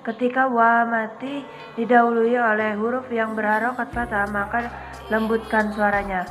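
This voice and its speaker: Young woman, from Indonesia, recitation lesson, slightly high voice, careful syllable drills, faint music behind. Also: level tone, normal speed. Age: young adult. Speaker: student demonstrating Quran recitation.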